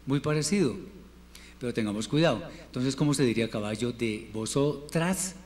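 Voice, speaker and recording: A man teaching a Hebrew class, patiently drilling word forms and repeating them slowly for his students. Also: medium pitch, expressive, a little mellow. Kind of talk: classroom lesson. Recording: reverberant room with faint noise.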